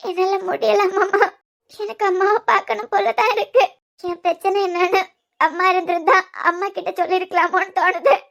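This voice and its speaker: A woman voicing a tearful young wife in a cartoon series, pleading softly with a Kanyakumari accent. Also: very high-pitched, fairly even intonation, a little fast. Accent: Kanyakumari Tamil. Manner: pleading, sniffling. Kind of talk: cartoon web series voice acting.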